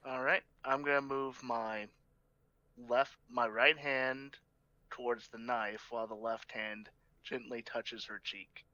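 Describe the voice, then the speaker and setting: A man's voice: mid-range voice, steady tone, takes it slowly, pushed and bright, dry recording, highs cut off. A man playing a tabletop horror game, speaking casually with wry, joking asides. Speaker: player.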